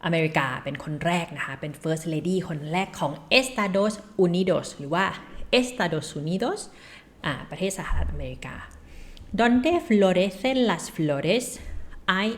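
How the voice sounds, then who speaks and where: A woman from Thailand teaching Spanish vocabulary in a casual, chatty way, reading example phrases slowly and laughing at her own slips. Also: on the low side, expressive. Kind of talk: casual language lesson.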